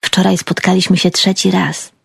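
A woman reading an audiobook, voicing an excited young woman who confides that she is in love. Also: on the low side, moderate pace, gravelly, breathy edge, no echo, clean studio sound, exaggerated voice. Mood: confiding. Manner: confiding, hushed, eager.

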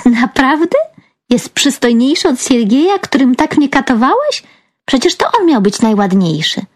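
This is a cheeky, mocking teenage girl from an audiobook, pitched well above the reader's own voice , as a woman narrator puts her on. She teases in a bright, playful way. It is recorded in a dry, close room. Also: very animated, moderate pace, no echo. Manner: mocking, giggly, provocative.

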